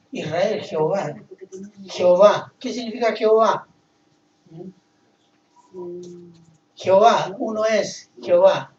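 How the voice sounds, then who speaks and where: A man preaching a sermon, asking rhetorical questions and rising into loud emphasis. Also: high-pitched, reverberant, distant mic, dull audio. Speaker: pastor.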